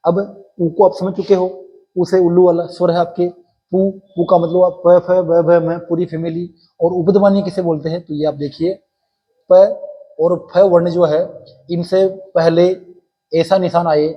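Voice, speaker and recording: A man's voice: a little high, breathy edge, lo-fi sound. A male teacher explaining a Sanskrit grammar lesson for exam preparation, going step by step and quizzing his students with repeated questions.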